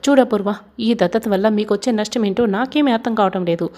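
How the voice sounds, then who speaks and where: A woman's voice: mid-range voice, fast talker, warm tone, close to an everyday voice. A woman voicing a stern angry father. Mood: firm. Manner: scolding, firm.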